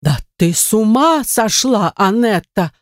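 A woman voicing an impatient, quarrelsome noblewoman who gives sharp, insistent commands. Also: medium pitch, expressive, normal speed, no room sound, clean studio sound, natural voice. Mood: scolding.

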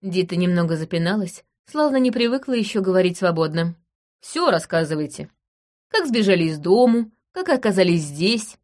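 A woman reading an audiobook in the first person, in a brisk, dry and commanding manner. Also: lowish voice, sing-song, a little mellow. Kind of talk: audiobook narration.

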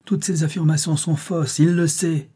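A man's voice: a little high, steady tone, normal speed, warm tone, slightly rough, voice pushed up. A man reading aloud voices a desperate European mother who pleads with a sultan for her children's lives, crying out with great passion. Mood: pleading.

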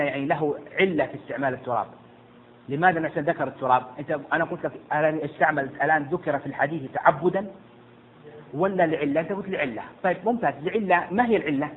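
A man teaching jurisprudence to a class, quizzing and hushing students, often stumbling and repeating words. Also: on the high side. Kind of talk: interactive classroom lesson. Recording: tinny lo-fi with faint noise.

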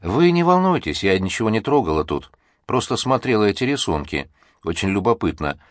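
An eager young woman chatters and pleads in a lifted, lively voice, put on by a man reading the book. Her lines swing widely in pitch and sound close and dry, with no room around them. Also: fairly quick, no room sound. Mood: hopeful chatter. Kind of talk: audiobook reading.

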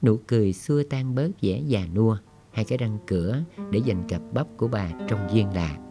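A man's voice: on the low side, moderate pace, music in the background. Somber male audiobook narrator. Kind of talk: story reading.

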